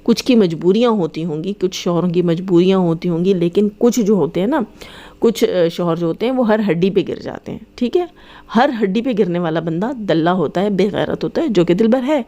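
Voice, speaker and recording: A woman rants in a heated, taunting commentary. Her voice sits fairly low and sounds dark and mellow. She scolds her targets head-on, as if they were in front of her. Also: muffled recording. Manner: scolding, taunting, addresses rivals directly. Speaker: vlogger commenting on other vloggers.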